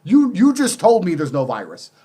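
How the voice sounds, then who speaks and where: A man's voice: high-pitched, wildly swooping pitch, normal speed, warm tone, husky. A man in a heated conversation, talking in a combative way and swearing freely.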